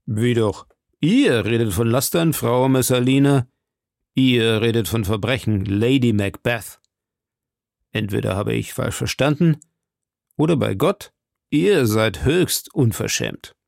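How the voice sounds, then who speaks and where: A man's voice: mid-range voice, slow pace, creaky, darkish tone, no room sound, studio quality. A man voicing a scornful, mocking English nobleman in an audiobook, with a sneering manner. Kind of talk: audiobook character voice.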